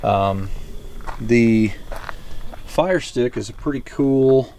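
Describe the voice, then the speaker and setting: Drawing out his words in a dark-toned, medium-pitched voice, an American man offers a casual gear review off the cuff. He's a presenter of such videos, rambling in a matter-of-fact way, and the handheld camera audio carries clear background noise.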